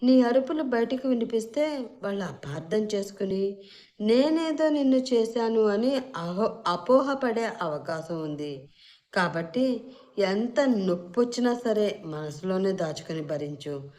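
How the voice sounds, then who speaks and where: A woman's voice: medium pitch, sing-song, moderate pace, darkish tone, natural voice. A woman voicing a feisty young bride who gives curt orders and threats. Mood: threatening. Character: bossy feisty young bride, sharp-tongued.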